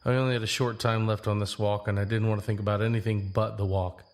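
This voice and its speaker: As narrator and lead, a man plays a laid-back young traveler telling his story in plain, conversational first person, easygoing and reflective. His voice is on the low side and close to his everyday one, with little pitch movement and a quick pace, over guitar music.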